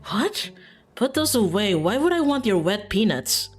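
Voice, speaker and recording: A woman's voice: medium pitch, very animated, a little slow, faint music behind. A woman voicing an icy, disdainful female cousin in a visual novel, speaking curtly and coldly. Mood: disgusted, impatient. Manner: curt, cold, dismissive.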